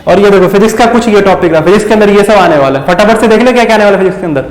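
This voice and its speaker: A male teacher giving a casual exam-prep lesson, often stopping to ask his students quick questions. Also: high voice. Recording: echoey room with long reverb.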